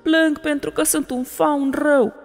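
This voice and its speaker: A woman's voice: high voice, darkish tone, in a large hall, voice pushed up. A woman voicing a tearful, remorseful male faun who talks through sobs, in a storybook reading. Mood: sobbing. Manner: sobbing, lamenting.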